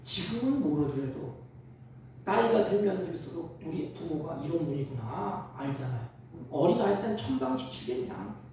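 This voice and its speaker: Pastor preaching in an echoey church hall. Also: male voice, on the high side, big pitch swings, normal speed. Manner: swings from quiet asides to loud proclaiming. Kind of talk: sermon. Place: church sanctuary. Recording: echoey church hall from far off, faint noise.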